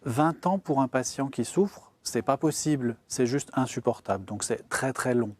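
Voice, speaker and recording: A man's voice: mid-range voice, moderate pace, breathy edge. A man, a guest expert, explaining science simply on a broadcast show, step by step in plain words, as if to a child.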